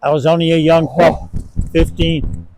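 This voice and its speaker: A man's voice: a little high, sing-song, measured pace, a little mellow, a little hiss or hum, poor audio. A man in his sixties with a Newfoundland accent, chatting outdoors in short, plain-spoken remarks. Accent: Newfoundland English. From Newfoundland, Canada. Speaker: co-host. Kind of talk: casual chat. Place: outdoors, with snow falling.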